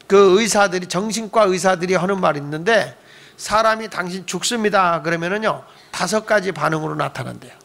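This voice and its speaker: A middle-aged pastor delivers a Friday night sermon from the pulpit of a church sanctuary, his voice high with a gravelly edge. Joking with the congregation and asking for amens, he breaks into characters as he tells stories, jumping abruptly in pitch and volume.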